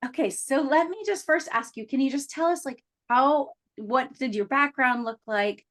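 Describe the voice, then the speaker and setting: A woman hosting a podcast interview gives an eager, warm welcome, often padding her sentences with "you know." Her voice is high and her pace moderate.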